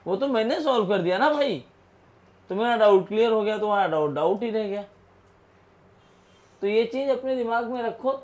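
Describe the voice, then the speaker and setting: A male teacher lectures a classroom with a raised, high voice. He chats, jokes and scolds students about study habits. The recording sounds muffled and lo-fi. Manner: chatty, scolding and joking with students. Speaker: physics teacher.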